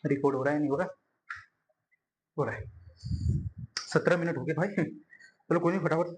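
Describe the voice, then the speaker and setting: A man's voice: on the high side, steady tone, a little fast. A young man teaches a math lesson at a whiteboard. He is chatty and casual, calls his students bhai and yaar, and repeats words as he draws. A faint hiss of room noise sits behind his voice.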